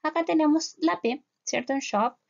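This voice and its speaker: A woman's voice: sits high, creaky, a little mellow. Chilean woman teacher, lo-fi sound. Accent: Chilean Spanish. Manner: patient, repeats "¿cierto?" to check understanding; spells out English words slowly. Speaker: English teacher. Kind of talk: classroom lesson explaining grammar. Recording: dull lo-fi sound.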